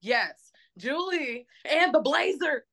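A woman co-hosting a podcast, chatting casually about movies, animated and swearing freely as she acts out reactions. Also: high voice, slow. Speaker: podcast co-host. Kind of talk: casual chat reviewing movies.

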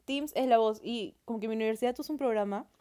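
A woman's voice: a little high, fast. Playful young woman. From Peru. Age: young adult. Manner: playful, giggly, relaxed. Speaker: podcast co-host, university freshman. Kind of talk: casual chat.

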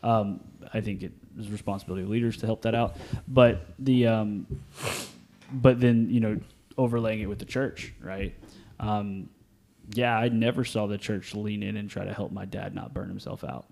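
A man with a fairly low voice co-hosts a relaxed podcast conversation. He rambles, restarting his sentences and leaning on fillers as he works through his thoughts. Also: moderate pace, creaky. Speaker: podcast co-host. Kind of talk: casual podcast chat.

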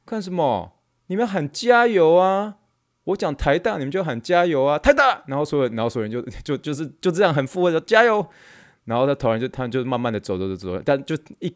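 A young man with a Taiwanese Mandarin accent, hosting a podcast and telling a story in casual chat, acting out shouted slogans as he goes. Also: lowish voice, dry recording, studio quality. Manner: animated, acts out shouted slogans in quotes. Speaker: podcast host. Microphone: close podcast mic.

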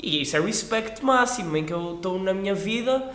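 A man's voice: sits high, expressive, fairly bright tone. A man, chatting casually and slangily, often correcting himself mid-sentence. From northern Portugal. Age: 20s. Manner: slangy, halting self-corrections. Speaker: master's student. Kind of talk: casual chat among friends. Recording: roomy, echoing space.

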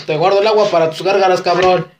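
A Mexican man co-hosting a comedic podcast with loud, teasing, crude banter. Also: high voice, fairly even intonation, moderate pace, a loud crowd. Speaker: podcast co-host. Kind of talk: casual comedic podcast chat.

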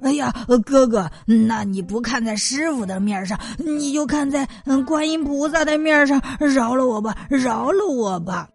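A woman's voice: medium pitch, measured pace, few pauses, soft background music, pitched below the performer's own voice, close to an everyday voice. A woman voicing a clumsy, cowardly male pig disciple, whining and begging with stammered fillers, in a children's story. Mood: whiny pleading.

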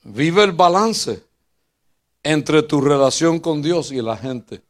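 An older man with a Puerto Rican accent, preaching in a church as pastor and telling funny personal stories, jumping between loud bursts and quiet asides. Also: takes it slowly. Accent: Puerto Rican Spanish. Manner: lively, joking storyteller who swings between loud bursts and low asides.

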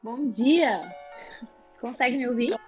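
A woman's voice: fairly high pitch, expressive, slow pace, lo-fi sound. Woman, podcast host, casual, laughing, music bed. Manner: chatty, laughs often, playful.

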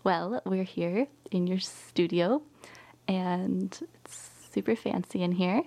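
A woman hosting a casual podcast in a small home studio, chatty, with frequent ums and quick laughs. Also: lowish voice, gravelly, dark tone. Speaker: podcast host.

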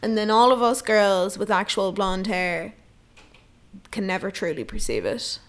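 A woman's voice: medium pitch, expressive, a little slow. A woman hosting a casual solo podcast, rambling and swearing freely, with lots of "like". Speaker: podcast host.

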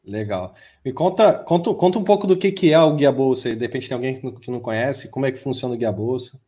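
Brief: Brazilian man, interview host, rapid and halting, repeats words. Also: medium pitch, mellow. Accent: Brazilian Portuguese. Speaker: host, lawyer. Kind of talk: conversational interview.

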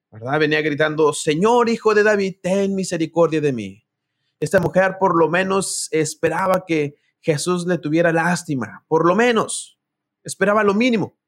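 Male preacher, slightly high voice, storytelling sermon that speaks right to the listeners. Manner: storytelling, addresses listeners directly; reads scripture aloud.

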